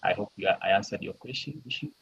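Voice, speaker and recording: A man's voice: low voice, expressive, fast, vocal fry, a bit bright, slightly rough, dry recording. A man answering questions about his work after a presentation, hesitant and full of fillers. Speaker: challenge participant. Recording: dull lo-fi call audio.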